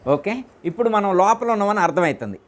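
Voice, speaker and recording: A man's voice: sits high, animated, quick pace, a little hiss or hum. A man as spiritual teacher giving a discourse in a private home, repeating his phrases and putting questions to his listeners.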